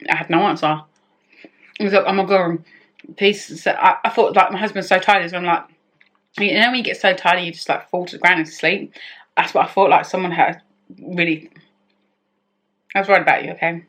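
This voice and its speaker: A woman vlogger shares a personal story in chatty, casual speech, rambling and repeatedly stopping to start her sentences over. She speaks a little fast with frequent pauses, in a lowish, fairly bright voice with fairly even intonation.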